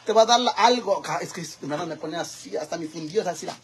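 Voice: medium pitch, fast talker, a little hiss or hum. Chatty, swearing Mexican cook streaming live. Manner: chatty, teasing, swears freely. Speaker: cooking vlogger. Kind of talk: casual cooking live stream, chatting with viewers. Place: home kitchen.

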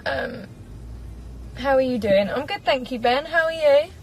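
A woman in her twenties with an English accent, a singer, chats casually with her live-stream audience from a parked car, reading comments into a phone propped up in front of her. Her high-pitched, expressive voice is a little slow, and she comes across as chatty, bubbly and giggly. The recording is low quality with slight background noise.

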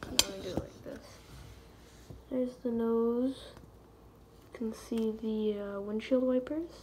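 A woman giving a casual unboxing review of a scale model, filmed on a phone, hesitant with many ums and pauses. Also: a little high, fairly even intonation, noisy background. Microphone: phone camera.

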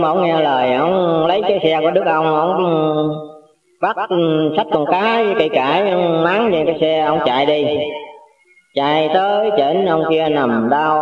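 A man's voice: on the high side, very echoey, far from the mic, dull audio. A man with a Southern Vietnamese accent telling a religious folk story in a folksy way, acting out the characters' dialogue. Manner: folksy, acts out dialogue in quotes.

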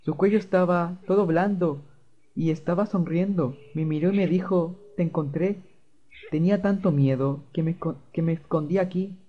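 A man's voice: on the high side, normal speed, voice pushed up, lightly acted. A timid little boy who stammers and clings to the grown-ups around him, as a man voices him while reading a game aloud. The voice is raised a little above the man's own. It comes through a dull, lo-fi recording. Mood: frightened. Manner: stammering, fearful. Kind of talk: voicing game dialogue aloud.

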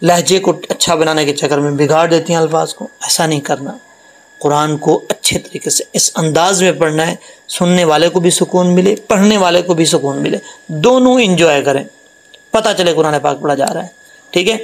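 A man teaching Quran tajweed, explaining letter sounds patiently and repeating them slowly. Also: fairly high pitch, poor audio. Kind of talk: Quran tajweed lesson with recitation.

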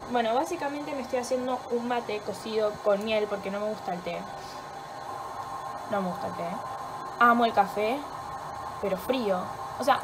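A young woman with a Rioplatense Spanish accent vlogs from her home kitchen, chatting casually and rambling as she jokes at her own expense and swears freely. Her medium-pitched voice reveals a sore throat and stuffy nose, and there's background noise.

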